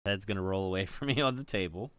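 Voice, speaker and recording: A man's voice: low-pitched, fast, a bit bright, clean tone, no room sound, studio quality. A man streaming, chatting casually with viewers while he builds. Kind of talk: casual live-stream chat.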